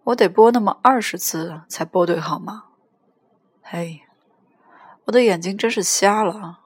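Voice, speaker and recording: A woman reading a first-person novel aloud in a plain, even storytelling manner. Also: mid-range voice, a little slow, breathy edge, dry recording. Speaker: audiobook reader.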